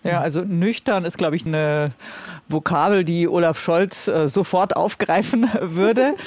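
A woman's voice: fairly low pitch, unhurried, a little mellow, dry recording. A woman news correspondent answering interview questions spontaneously in a colloquial, opinionated way.

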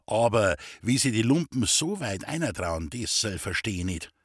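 A gruff old forester, as a storyteller puts him on, husky and brusque, his pitch jumping about as he grumbles and questions. The recording is dry and close. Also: sing-song, moderate pace, dry recording. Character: gruff older Bavarian forester, father.

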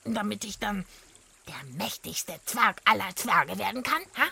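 A woman voicing a greedy, boastful male dwarf who croaks and brags, in a children's audio story. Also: mid-range voice, a little slow, bright, forceful tone, heavily acted. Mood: scheming. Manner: croaking, bragging.

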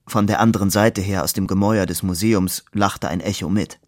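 A man reading a novel aloud in a measured, expressive way. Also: low-pitched, dry recording, studio quality. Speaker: reader. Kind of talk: literary reading.

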